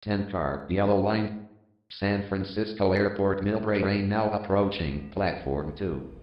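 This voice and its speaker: A man's recorded station announcement over loudspeakers, spoken in clipped, measured phrases on a train platform. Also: sits low, echoey room, highs cut off, slight background noise. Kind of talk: automated public-address announcement.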